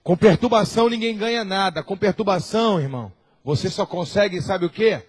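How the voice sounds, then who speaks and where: A man preaching a sermon in a Brazilian Portuguese accent, switching between quiet asides and shouted, acted-out quotes. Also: high voice, brisk, breathy edge. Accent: Brazilian Portuguese, Rio de Janeiro area. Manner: impassioned preacher, acts out quoted voices and shouts. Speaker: apostle preaching.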